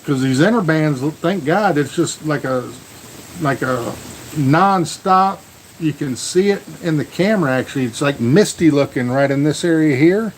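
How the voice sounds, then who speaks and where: A man's voice: on the high side, moderate pace, slight background noise, rough recording. An American man chatting casually on a live stream, rambling in a folksy way and repeating words. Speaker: livestream host. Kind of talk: casual live storm vlog chat. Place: outdoors near a truck in rain.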